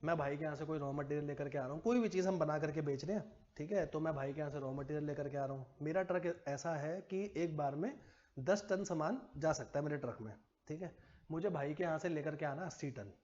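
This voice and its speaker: Fast-talking man teaching a class. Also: fairly high pitch, a little mellow, highs cut off. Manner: chatty, teasing, asks the class questions. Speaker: commerce teacher. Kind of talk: classroom lecture.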